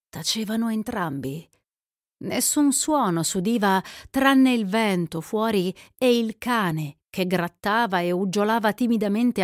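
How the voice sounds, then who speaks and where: A woman narrating a literary story in a calm, measured, expressive reading, recorded in a studio. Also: mid-range voice, dry recording. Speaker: audiobook narrator.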